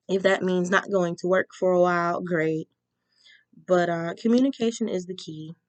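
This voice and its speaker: A young woman giving a casual tarot reading, talking frankly and slowing down to stress her advice. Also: fairly low pitch, no echo. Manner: candid, advice-giving, slows down for emphasis. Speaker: tarot reader.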